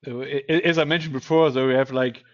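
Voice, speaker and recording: A man, a guest speaker answering interview questions in a steady, explanatory way. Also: mid-range voice, fast talker. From Germany. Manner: steady, explanatory, with small restarts. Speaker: guest speaker, project management director. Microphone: video call. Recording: dull, lo-fi video call audio.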